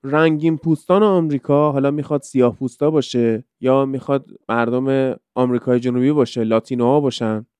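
A man's voice: mid-range voice, a little mellow, clear, resonant tone, no echo, studio quality. A man hosting a casual podcast lesson, explaining with many examples and rhetorical questions. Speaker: podcast host teaching English.

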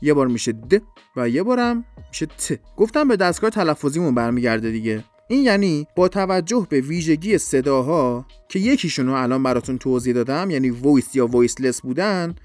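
A man's voice: on the high side, expressive, a little mellow, dry recording, soft background music. A man explaining pronunciation in a patient, step-by-step podcast lesson. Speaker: English teacher.

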